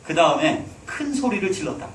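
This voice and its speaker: A pastor preaching in a church sanctuary speaks briskly in a high voice with big pitch swings, urging listeners on and asking the hall rhetorical questions. The mic is at a distance, catching an echoey hall and a little hiss or hum.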